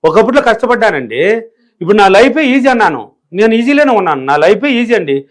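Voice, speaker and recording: Very animated and fast, a middle-aged man with a high-pitched voice answers interview questions in his role as a spiritual teacher. He comes from a rural Indian village and presses each point home through emphasis and repetition.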